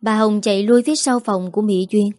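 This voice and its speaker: A woman narrating a story in a steady, even reading voice. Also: mid-range voice, fairly quick, no echo.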